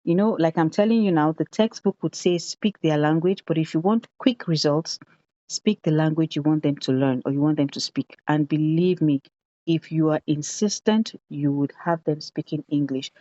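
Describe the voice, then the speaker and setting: A woman leading a teacher training on a video call, telling classroom stories in an animated way and repeating phrases for emphasis. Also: low-pitched, moderate pace, no echo. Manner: animated storytelling, acts out children's voices, repeats phrases for emphasis. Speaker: education consultant leading an online teacher training. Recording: dull, dry video-call audio.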